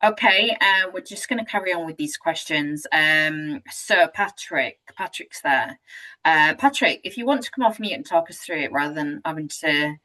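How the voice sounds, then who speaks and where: British woman, call host, lowish pitch, off-mic and laughing through stories. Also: lively intonation, normal speed, bright, forceful tone, recorded from a distance, low-quality recording. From United Kingdom. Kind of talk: casual group video call.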